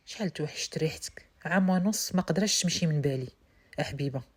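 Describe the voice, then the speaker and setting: A woman voicing a hushed brooding young lover with a Moroccan accent. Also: sits low, fast, husky. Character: brooding young man, tender and possessive.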